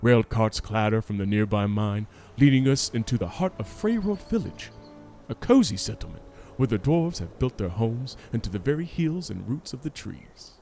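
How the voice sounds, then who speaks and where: Nature documentary narration, man playing a stately narrator, measured, formal, loud music behind. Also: fairly low pitch, animated. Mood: stately, serene. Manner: measured, formal, descriptive delivery. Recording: loud music bed under voice.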